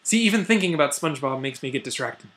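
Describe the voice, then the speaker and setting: With an American accent and a somewhat high voice, this young science news host speaks fast and animatedly, his tone a bit bright. His conversational, semi-scripted explainer keeps breaking off into playful asides and mock exclamations before returning to the topic.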